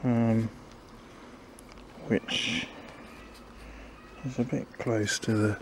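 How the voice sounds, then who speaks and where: A man with a fairly low, level voice speaks very slowly as he plants in his small backyard garden. He's a gardening vlogger chatting casually to camera, thinking aloud, second-guessing himself and often trailing off. The outdoor recording carries noisy ambience.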